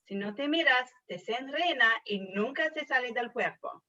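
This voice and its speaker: Woman reading as a fretful scolding mother, bright high voice, slow, far from the mic, dull lo-fi sound. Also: lively intonation. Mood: nagging. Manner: scolding, nagging, full of complaints. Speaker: student reading a scripted dialogue. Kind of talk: read-aloud scripted dialogue.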